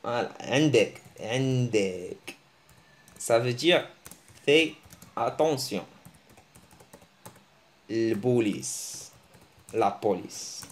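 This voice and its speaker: A man giving a casual, joking online language lesson, teasing his viewers and breaking into animated bursts. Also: extremely slow, long pauses. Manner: joking, animated, teasing, with sudden pitch jumps. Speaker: language teacher.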